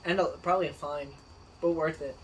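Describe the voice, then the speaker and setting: A man's voice: fairly high pitch, steady tone, a little fast, slight background noise, low-quality recording. A man co-hosting a podcast in casual chat, laid-back and dry, often agreeing. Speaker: podcast co-host.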